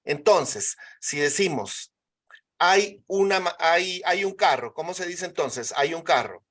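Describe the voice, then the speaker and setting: A teacher walks students through grammar, speaking with English examples. The voice sits at a medium pitch, and the delivery is patient, repetitive and full of comprehension checks. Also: lively intonation, a little slow, a bit bright. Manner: patient, repeats and checks understanding. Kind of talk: live online English class.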